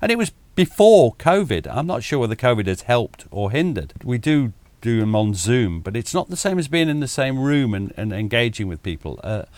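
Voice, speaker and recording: Lively, chuckling male historian on a call. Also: medium pitch, normal speed, hardly any pauses, dry recording. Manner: animated, self-deprecating, chuckles often, frequent restarts. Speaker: military historian, podcaster, guest. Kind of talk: conversational interview over video call. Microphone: video call.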